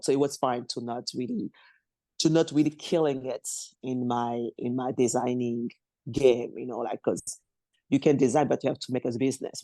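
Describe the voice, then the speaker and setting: A woman from Congo talks through her story as a podcast guest, in a mellow, warm voice recorded close and dry. Her English is loose and non-native, and she laughs often. She slips into lively voices to act out the people she quotes. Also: rumbling low, no echo. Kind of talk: conversational interview.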